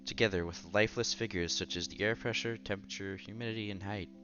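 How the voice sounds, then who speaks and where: Talking fast with a lowish, fairly even delivery, a streamer reads through a visual novel, slipping in offhand remarks as he goes and stopping to react. The sound is lo-fi, and background game music runs under it.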